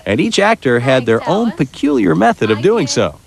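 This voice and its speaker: A man's voice: on the high side, sing-song, normal speed. A man narrating a TV behind-the-scenes featurette in an upbeat announcer style. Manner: bright, upbeat announcer delivery. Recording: narration over clear music.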